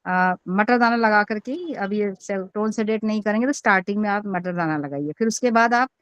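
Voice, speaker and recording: A woman's voice: mid-range voice, a little fast, fairly bright tone, clear, resonant tone, dry recording, dull audio. A woman teaching an acupressure class online, explaining points with many fillers and reading lines aloud in English.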